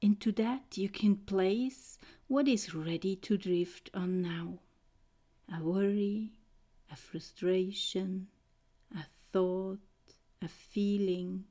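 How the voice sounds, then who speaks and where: A woman guiding a trance meditation in a soothing, mesmerizing way, with short gentle phrases and a soft, breathy voice that often nears a whisper. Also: mid-range voice, takes it slowly. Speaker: guided meditation narrator.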